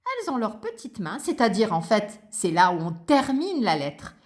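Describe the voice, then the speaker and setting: A woman's voice: medium pitch, wildly swooping pitch, normal speed. A woman teacher patiently explaining cursive handwriting to young children, step by step.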